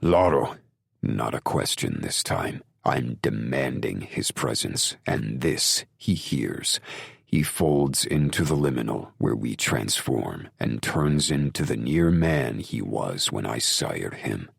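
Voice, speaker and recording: Very deep, gravelly male narrator. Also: lively intonation, no room sound, clean studio sound. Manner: brooding, measured, intense. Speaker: audiobook narrator. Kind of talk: first-person audiobook narration.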